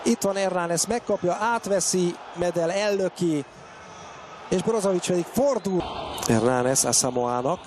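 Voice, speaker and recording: A man with a Hungarian accent delivers excited sports commentary on a football match. His voice sits high for a man and readily breaks into shouts. Clear noise of an outdoor stadium runs behind him. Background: stadium ambience.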